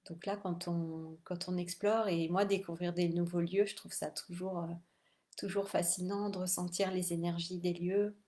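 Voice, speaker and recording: Mellow, low-voiced woman hosting a live stream. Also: flat delivery. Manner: halting, thoughtful, with frequent pauses. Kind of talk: casual live-stream talk.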